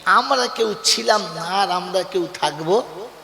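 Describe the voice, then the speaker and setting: A man's voice: high-pitched, measured pace, gravelly, sharp tone, echoey room, big-room sound. A man preaching a sermon to a gathering, calling out questions for the crowd to answer and telling folksy stories with acted quotes. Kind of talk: Bengali waz sermon to a crowd.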